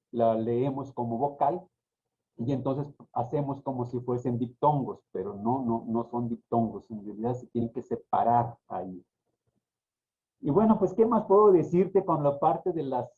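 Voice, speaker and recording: A man's voice: medium pitch, warm tone. A man, the author of a grammar book, explaining pronunciation and repeating example words with careful stress contrasts, with a Mexican Spanish accent. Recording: tinny phone-like audio.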